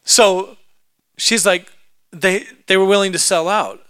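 Male preacher, storytelling sermon, bright crisp voice, dry close sound. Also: high voice, steady tone, slow, dry recording. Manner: conversational, building to emphatic preaching.

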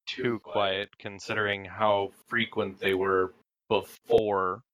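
A man player at a tabletop game, terse and deadpan. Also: lowish voice, slow pace, a loud crowd, rough recording. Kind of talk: casual chat at a game table.

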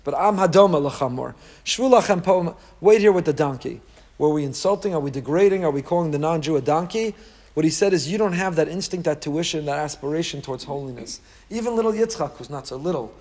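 New man preaching, higher-pitched voice. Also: a little mellow. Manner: emphatic, rhetorical questions, repeats key phrases for effect. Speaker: rabbi teaching a class. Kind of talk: sermon, Torah lecture to a live group.

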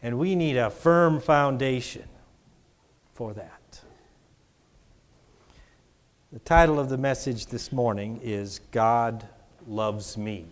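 A man preaching a sermon to a congregation in church, leading call-and-response with emphatic, drawn-out repetition. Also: medium pitch. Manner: call-and-response, has the congregation repeat after him. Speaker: pastor.

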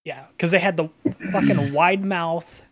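A speaker in a relaxed podcast chat with an average-pitched voice. They tell stories slowly and loosely, wandering from detail to detail. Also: creaky. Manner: meandering, reminiscing storytelling. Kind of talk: casual chat.

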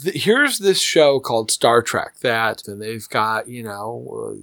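A man's voice: mid-range voice, animated, slow, vocal fry, bright, forceful tone, no echo. Enthusiastic man telling stories, dry sound. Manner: enthusiastic storyteller, frequent restarts. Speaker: podcast co-host. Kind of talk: casual chat. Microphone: podcast mic in a living room.

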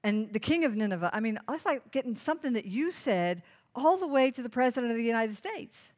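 A woman's voice: fairly high pitch, very animated, fairly quick, darkish tone. A woman pastor preaching a sermon, stressing key phrases by repeating them and putting direct questions to her listeners. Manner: emphatic, repeats key phrases for note-taking.

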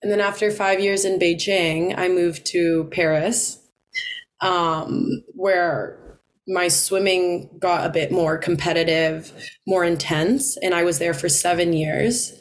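A young woman college swimmer from the Philippines, answering interview questions in a relaxed way with frequent ums and light laughs. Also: on the low side, takes it slowly. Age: 20s.

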